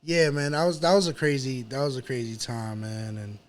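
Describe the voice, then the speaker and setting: Being interviewed as a guest in an apartment, a New York-accented rapper from New York City tells his stories casually, full of slang and repetition. He keeps a steady tone at a medium pitch and a moderate pace.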